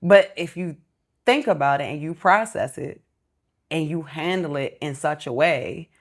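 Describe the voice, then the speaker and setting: A woman's voice: deep voice, measured pace. A woman in her thirties talking as an interview guest, earnest and reflective, explaining things step by step in casual chat. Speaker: entrepreneur guest.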